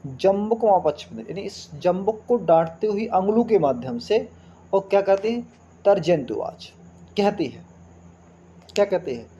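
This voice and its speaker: A man with a high-pitched, expressive voice and a dark tone teaches a Sanskrit lesson, reading verses slowly and then explaining them word by word. He poses rhetorical questions as he goes through the text line by line. The recording is lo-fi, with a little hiss or hum.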